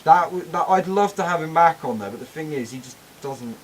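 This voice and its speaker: Chatty young man, lively pitch. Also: rough recording. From England. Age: young adult. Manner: chatty, reminiscing, quick asides. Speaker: gameplay commentator. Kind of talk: casual chat over gameplay.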